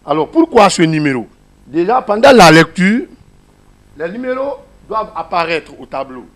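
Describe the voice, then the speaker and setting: High-voiced Guinean French man teaching. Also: big pitch swings, moderate pace, fairly bright tone. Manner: explains step by step, asks listeners questions. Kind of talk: classroom teaching demonstration.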